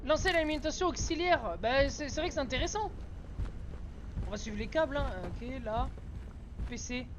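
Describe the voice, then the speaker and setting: A scared horror game streamer with a high voice that swings widely in pitch. The delivery is jumpy, slangy and full of swearing, reacting to the game as it is played. Game noise is clearly audible behind the voice. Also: normal speed, long pauses. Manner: excitable, easily startled, jumpy scared reactions; foul-mouthed, slangy. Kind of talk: horror game let's play commentary. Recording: noisy, game sounds behind voice.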